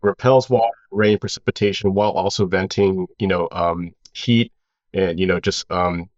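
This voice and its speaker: Low-voiced man telling his story. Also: moderate pace, no echo, dull audio. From Hawaii. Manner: relaxed and rambling, with many "you know" fillers. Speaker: founder of a clothing brand, guest. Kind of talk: casual interview storytelling.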